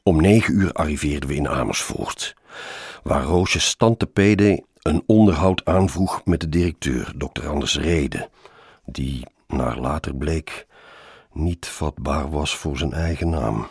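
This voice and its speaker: A man reads a first-person story aloud, wry and sardonic. His voice is extremely low and gravelly, with a strongly husky, breathy grain. The sound is dry and close. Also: unhurried, no room sound.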